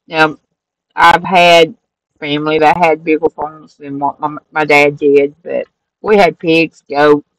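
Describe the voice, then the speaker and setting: The recording is rough with no echo: a fairly low-pitched middle-aged woman, host of a crafting channel, walks through her handmade journal at her craft-room table. She talks in a loose, rambling way, dropping fillers and fixing her own words as she goes.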